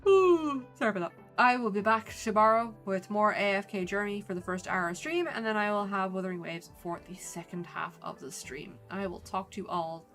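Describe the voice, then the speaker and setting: A sleepy Irish woman streamer signs off her stream in relaxed, chatty talk. Her pitch sits in the middle, with faint game music playing behind her. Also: a little fast, hardly any pauses. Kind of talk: casual game stream chat.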